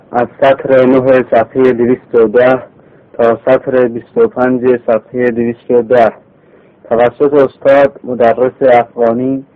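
A man giving a formal announcement in a plain, measured way, heard on an old worn tape recording. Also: mid-range voice, narrow, tinny audio.

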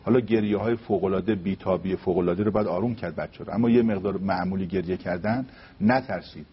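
A man giving a religious talk, telling a story and reciting verses slowly and deliberately. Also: deep voice, slightly rough, muffled recording. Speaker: religious speaker.

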